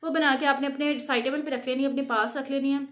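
Quick-paced and a bit bright, her high voice keeps a fairly even intonation. As a beauty vlogger in a casual tutorial vlog, she chats and instructs on home skincare, dropping frequent "theek hai" check-ins with her audience.

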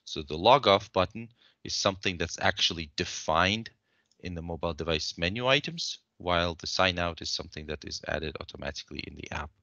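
Low-voiced man explaining a software demo. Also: expressive, dry recording, highs cut off. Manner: explanatory, measured, frequent uh fillers. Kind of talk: screen-share software walkthrough.

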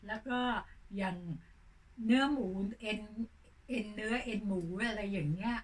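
An older woman hosting her own channel, chatting casually and slowly, her voice hoarse. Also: medium pitch. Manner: slow, unhurried talk. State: hoarse, coughing. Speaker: channel host. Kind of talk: casual vlog chat. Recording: distant mic with faint noise.

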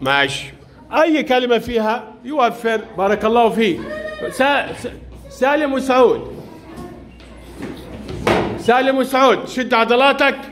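High-voiced man teaching young kids. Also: expressive, background noise. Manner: brisk, encouraging, calls pupils by name. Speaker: primary school teacher. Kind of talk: classroom quiz with young pupils. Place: classroom.

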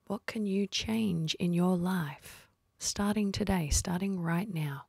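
A woman with a lowish, husky, breathy voice softly leads a guided meditation, slow and soothing with long pauses. The audio is studio quality with no echo.

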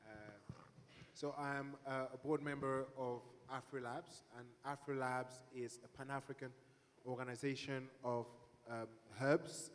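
A man from Cameroon introducing himself on a conference panel, steady with some fillers, on a handheld mic in a large hall. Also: medium pitch, measured pace. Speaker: panelist, hub director. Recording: long hall reverb.

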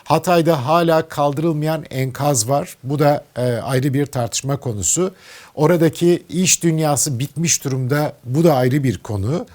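A man's voice: on the high side, measured pace, darkish tone. A man with a Turkish accent interviewing a guest, asking earnest, probing questions about politics.

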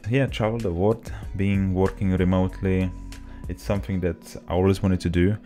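A young man with a Czech accent talks to camera from a small home office, telling a relaxed story in slightly broken English. His voice sits low, and he speaks into a desk mic on a boom arm. Faint music plays underneath. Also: moderate pace. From Czech Republic. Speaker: vlogger. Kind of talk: casual talk to camera.

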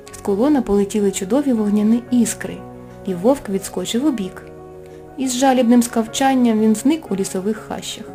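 A woman narrates a bedtime fairy tale with a mellow, warm tone and an expressive, animated delivery. Soft music runs quietly under her voice. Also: mid-range voice. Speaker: author reading her own tale. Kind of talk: storybook narration.

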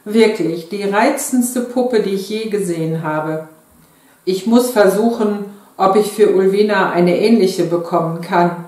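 A woman's voice: medium pitch, a little slow, darkish tone, natural voice. A woman voicing a gushing middle-aged wife delighted by a doll, read in a very echoey room.

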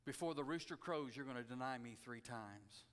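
A man voicing Jesus as a calm man giving a grave, quiet warning, in a long-reverb hall. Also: medium pitch, moderate pace, voice pushed down, lightly acted.

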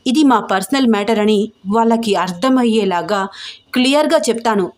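A woman's voice: fairly high pitch, normal speed, close to an everyday voice. A woman voicing a young man who pleads with his beloved, in an audio story reading. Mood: insistent. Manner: pleading, insistent.

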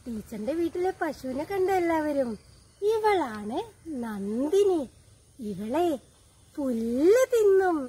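Very high sing-song lady teacher, slow and coaxy, talking to little kids online. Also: very animated, warm tone, slight background noise. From Kerala, India. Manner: slow, sing-song, coaxing questions to children. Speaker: special-needs teacher. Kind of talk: online class for young children.

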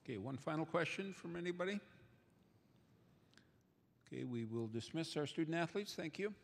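A man moderating a postgame press conference, brisk and procedural as he points out the next questioner. His voice has a gravelly, creaky edge. It sounds set back from the mic, with a long reverb from the hall. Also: fairly high pitch, lively intonation. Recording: distant, reverberant room sound.

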